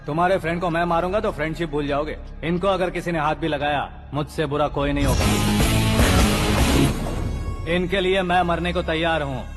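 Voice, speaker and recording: Man acting a fierce high-pitched action hero. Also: steady tone, moderate pace, close to an everyday voice. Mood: defiant. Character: fierce, righteous young hero protecting others. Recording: loud music under the voice.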